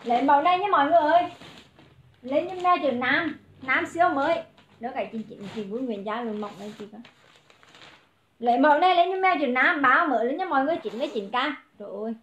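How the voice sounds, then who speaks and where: A woman selling clothes on a livestream, briskly calling out prices and greeting viewers by name. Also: sits high, lively intonation, fairly bright tone, echoey room, lo-fi sound. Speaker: online clothing seller. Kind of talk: livestream sales pitch.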